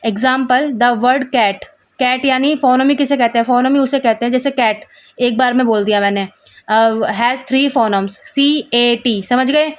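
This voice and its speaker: A woman's voice: on the high side, steady tone. Young woman teaching from her notes. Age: young adult. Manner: reads English notes slowly, then explains quickly in Hindi. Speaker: law student teaching. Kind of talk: casual Hindi lesson explaining notes.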